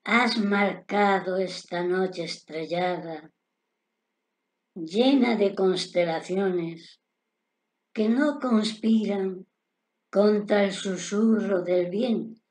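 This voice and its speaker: Older man declaiming poetry very slowly. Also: high-pitched. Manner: solemn, deliberate phrasing with pauses. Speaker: poet reciting own work. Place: indoor room at home.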